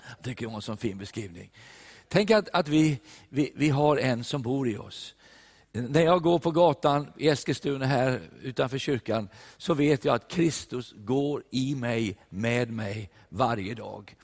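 An older man from Sweden preaching a sermon, animated and emphatic, recorded in a church. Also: medium pitch. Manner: animated, rising to emphatic peaks. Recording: long church reverb.

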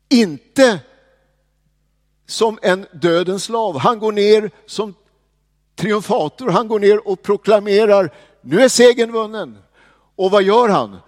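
A man preaching a sermon, dropping to hushed, slow words and then rising to loud, proclaiming lines. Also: high-pitched. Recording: long hall reverb.

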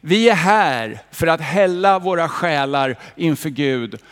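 Higher-voiced man preaching in a church. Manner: lively, rhetorical questions and direct address to the congregation. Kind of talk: sermon. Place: church hall. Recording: long reverb of a church hall.

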